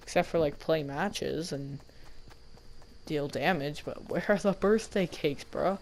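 A man's voice: a little high, unhurried, darkish tone, a little hiss or hum. A young man giving casual gameplay commentary, grumbling and slangy as he plays. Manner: frustrated, slangy, mumbling to himself. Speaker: gamer.

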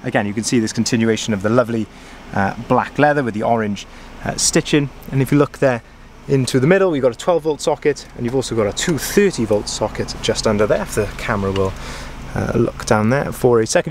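A man talks through a pickup truck's features with eager praise, sprinkling in ums and uhs. His voice sits at a middle pitch. The camera-mic recording carries a faint hum of outdoor noise. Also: brisk. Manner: chatty, enthusiastic, frequent ums and uhs. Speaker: car sales manager. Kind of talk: walkaround vehicle review. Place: inside a pickup truck, then outdoors at a dealership yard.

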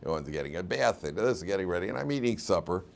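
Man, 50s, rabbi at the lectern; low-ish voice, loose storytelling classroom talk, stammered restarts, laughs at his own jokes. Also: lively intonation, quick pace, creaky. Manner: chatty storyteller, repeats words, laughs at his own stories. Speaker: rabbi teaching a weekly Torah class. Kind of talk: informal classroom lecture with stories.

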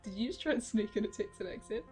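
A woman's voice: mid-range voice, animated, fast, warm tone, faint music behind. Teasing, dry-humoured woman. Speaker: gaming channel co-host. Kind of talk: casual let's-play chat.

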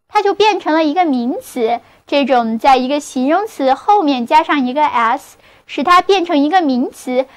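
A woman's voice: sits high, fairly bright tone. A woman teaching English vocabulary in a scripted lesson, speaking carefully, spelling words letter by letter and repeating example sentences, with a Mandarin Chinese accent.

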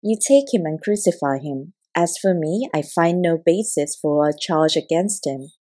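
A stern Roman governor questions a prisoner, as a woman reader voices him. The voice sits low and mellow, read plainly as an audiobook passage rather than fully acted. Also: animated, a little slow. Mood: questioning. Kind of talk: scripted audiobook reading.

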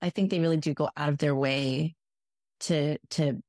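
A woman's voice: sits low, moderate pace, dry recording, studio quality. A woman guest on a podcast, telling stories in a casual chat and acting out what people said. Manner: animated, acts out quoted voices.

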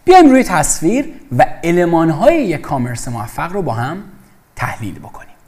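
A man's voice: a little high, very animated, darkish tone. A man teaching English vocabulary in an explanatory lesson, emphatic and repeating words to drill pronunciation.

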